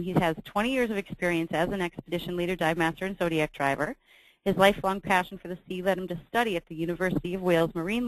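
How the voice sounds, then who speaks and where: In a scripted sales webinar for a travel firm, the host, a woman with a voice on the low side, reads her slides briskly and cheerfully, often saying um. There's no room sound, though the audio is poor.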